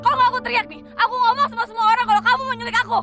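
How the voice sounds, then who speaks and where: A stubborn young wife talks in a very high voice. She sounds dismissive and sulky at first, then tearful and pleading. Loud film music plays underneath. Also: fairly even intonation, rapid-fire. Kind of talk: TV film acting.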